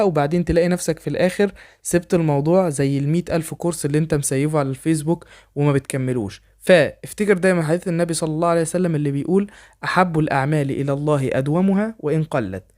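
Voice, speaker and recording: A man with an Egyptian Arabic accent teaching an online English lesson for beginners. He talks in an encouraging, motivational way, repeats phrases in lists, and says the English example sentences slowly and carefully. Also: on the high side, dark tone.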